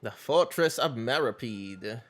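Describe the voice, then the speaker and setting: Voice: mid-range voice, animated, unhurried. A game live streamer chatting casually in a bubbly, cutesy, playful way. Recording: faint music behind. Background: faint game music.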